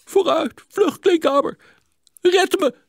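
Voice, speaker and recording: A man reading an audiobook, voicing a frightened middle-aged village doctor who shouts in panic and then stammers his thanks. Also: sits high, moderate pace, no echo, studio quality, voice pushed up. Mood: panicked. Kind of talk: audiobook character voice.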